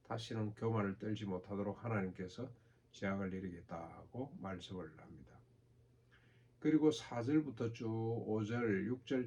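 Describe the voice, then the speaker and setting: An older man preaching a sermon as pastor, with measured delivery and rhetorical questions. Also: on the low side, gravelly, darkish tone.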